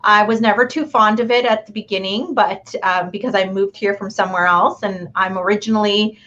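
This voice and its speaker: A woman in her fifties, born in Chile, chatting as a guest on a video call in a friendly, thoughtful way with pauses. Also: medium pitch, fairly even intonation, a bit bright. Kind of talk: casual video call chat. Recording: dull lo-fi call audio.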